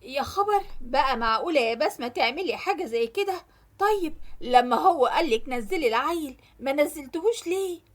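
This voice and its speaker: A woman's voice: high voice, animated, brisk. A woman voicing a shocked young Egyptian friend. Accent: Egyptian Arabic. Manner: questioning.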